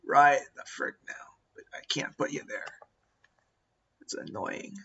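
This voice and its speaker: A man's voice: mid-range voice, measured pace, gravelly, bright, forceful tone, slightly rough, muffled recording. A man giving casual, musing commentary on a strategy game and talking to his units as he plays. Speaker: gameplay commentator.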